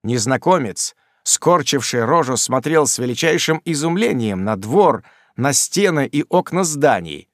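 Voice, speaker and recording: Lively male audiobook narrator. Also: medium pitch, no room sound, studio quality. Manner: expressive, measured storytelling. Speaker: audiobook reader. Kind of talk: classic novel narration.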